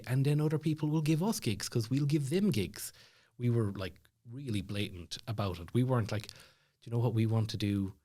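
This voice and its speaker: A man with an Irish accent and a dark, mid-range voice chats as a podcast guest, telling stories casually. He's self-deprecating and talkative, like a stand-up comedian off stage.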